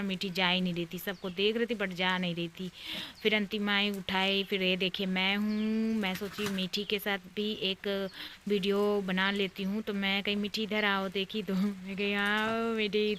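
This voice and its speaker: A young woman tells a family party story in a loose, rambling, chatty voice-over for her vlog. Her delivery stays flat, with little rise and fall, and her tone is bright and sharp. A faint hiss of noise sits under the recording. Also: medium pitch. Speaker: vlogger.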